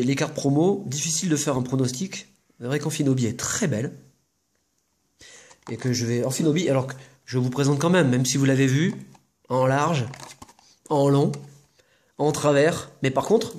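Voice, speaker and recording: A man's voice: medium pitch, a little mellow. A man hosting a casual unboxing video, talking to viewers in a chatty, rambling way with jokey asides. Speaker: video host opening trading-card boxes.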